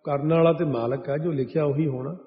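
A man giving a Sikh sermon who chants scripture verses slowly, then explains them line by line. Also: fairly high pitch, steady tone. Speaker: Sikh preacher giving katha. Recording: dull echoey hall sound.

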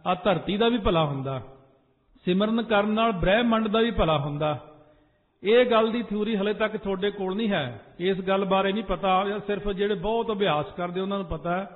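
A man's voice: high voice, fairly quick. A man preaching a Sikh sermon to a congregation, telling stories and sometimes chanting phrases. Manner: storytelling, exhorting the congregation. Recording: phone-like echoey hall recording.

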